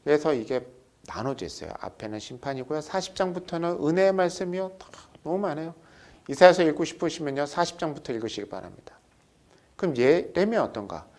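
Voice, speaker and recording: A man's voice: on the high side, brisk. A middle-aged man teaching a recorded Bible study lecture, asking his listeners questions and reading scripture aloud. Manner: lively teaching, asks the class questions, reads scripture aloud.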